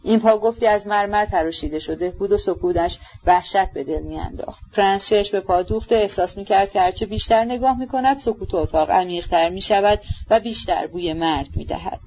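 An audiobook narrator reading a classic novel in a measured, steady voice. The recording sounds a little dull and muffled. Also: medium pitch, slight background noise. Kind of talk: scripted literary narration.

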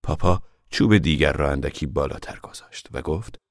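A man narrating a novel in a calm, measured way, often sinking to a hush. His voice is very low. The recording is dry and close. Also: gravelly, dry recording. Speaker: audiobook narrator.

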